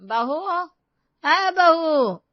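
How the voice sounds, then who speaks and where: Playing a bossy middle-aged mother-in-law from a storybook, this woman shouts commands in a high-pitched voice and scolds relentlessly, with no warmth at all. Her delivery is animated and lightly acted at a normal speed. The audio is close, dry, slightly dull and free of room sound.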